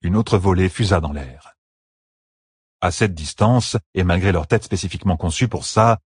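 Deep, husky male audiobook narrator. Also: dry recording, studio quality. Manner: steady, dramatic storytelling. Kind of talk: scripted fantasy narration.

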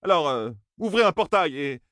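A man's voice: a little high, lively intonation, normal speed, no echo, voice pushed up. A man voicing a brash, angry young man who curses and demands answers, in a dry, close audiobook reading. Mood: angry demanding. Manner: shouting, exasperated.

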